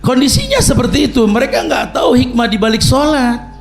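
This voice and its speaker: A man's voice: extremely high pitch, big pitch swings, a little fast, vocal fry, faint music behind. A middle-aged man preaching a humorous sermon, telling stories and chanting Arabic recitations.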